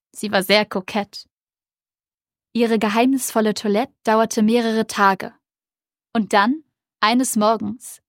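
Eine Frau, die ruhig und sanft ein Märchen vorliest. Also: female voice, mid-range voice, no room sound, clean studio sound. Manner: calm, gentle, measured. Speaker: narrator. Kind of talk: storybook reading.

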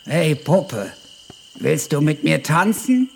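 A man voicing a boastful, pushy male jungle animal in a storybook reading, loud and swaggering. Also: on the high side, sing-song, takes it slowly, creaky, slight background noise, pitched above the performer's own voice, heavily acted. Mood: flirting.

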